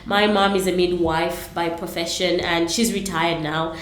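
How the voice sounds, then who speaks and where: A woman's voice: lowish voice, steady tone, unhurried, echoey room, a little hiss or hum. A middle-aged woman from Zambia, answering interview questions earnestly, with many ums and restarts. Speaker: interview guest, entrepreneur.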